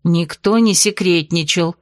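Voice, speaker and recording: A woman voicing a young tsarevna who answers calmly and evenly. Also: mid-range voice, unhurried, no echo, clean studio sound, natural voice. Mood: evasive.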